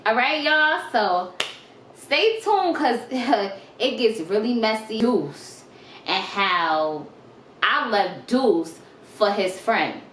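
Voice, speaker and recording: Animated young New woman telling a story. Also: fairly high pitch, extremely slow. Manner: animated, profane and emphatic. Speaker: vlogger. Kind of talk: storytime vlog. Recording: roomy with faint noise.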